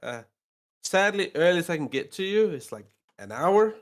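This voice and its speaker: A man's voice: high voice, sing-song, moderate pace. A man running a tabletop game, narrating loosely and teasing his players, with plenty of fillers. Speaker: game master.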